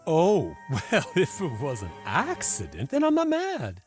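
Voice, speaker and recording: A man's voice: on the high side, wildly swooping pitch, a little slow, soft background music. An actor playing a bitter, sarcastic male antique dealer in a game, scolding and mocking.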